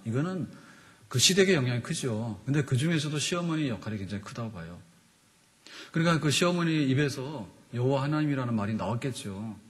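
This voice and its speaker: Male pastor, casual sermon, rhetorical questions answered himself, long church-hall reverb. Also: mid-range voice. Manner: asks the congregation questions and answers them himself. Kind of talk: conversational sermon. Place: church sanctuary.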